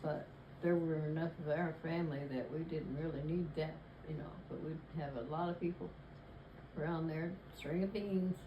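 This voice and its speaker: A woman's voice: sits low, steady tone, normal speed, roomy sound, highs cut off, a little hiss or hum. An older woman chatting with family, rambling and correcting herself as she recalls things. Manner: rambling, self-correcting storytelling. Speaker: interviewee. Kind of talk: casual family chat.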